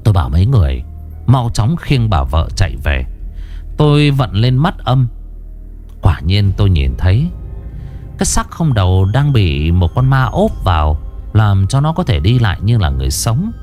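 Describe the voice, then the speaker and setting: A man narrating a ghost story in the first person, dramatic and expressive, dwelling on grim details. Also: fairly low pitch, moderate pace, faint music behind.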